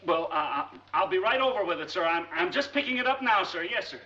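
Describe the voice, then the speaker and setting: An actor playing a brash, boastful army sergeant in 1940s screwball comedy banter, with slangy, streetwise talk. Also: male voice, high voice, lively intonation, fast talker, sharp tone, exaggerated voice. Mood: flustered, obedient. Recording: noisy, muffled 1940s film soundtrack.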